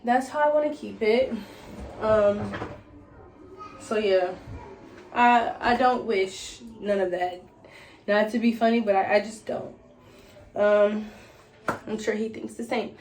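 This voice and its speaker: A woman's voice: mid-range voice, takes it slowly, long pauses, a little mellow. A young American woman chatting casually and candidly about personal matters, loose and a little tipsy, answering questions as host. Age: young adult. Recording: echoey room, faint background noise.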